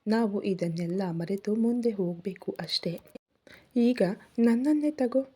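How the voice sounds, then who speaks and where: A woman voicing a caring young husband in whispered role-play, soft and coaxing, slipping in English words. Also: mid-range voice, unhurried, husky. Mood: soothing.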